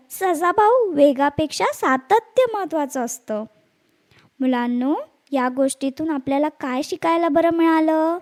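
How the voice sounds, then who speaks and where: A woman telling a bedtime story to children, speaking gently and addressing them directly as a storyteller. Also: sits high.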